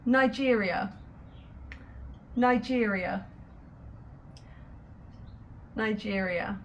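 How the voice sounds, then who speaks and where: A woman gives a patient, step-by-step sign language lesson, pausing to add small asides. Her pace is slow and deliberate. A faint hiss of noise sits under the recording. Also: mid-range voice, highs cut off. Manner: patient, step-by-step explanations with light laughs. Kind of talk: instructional video lesson.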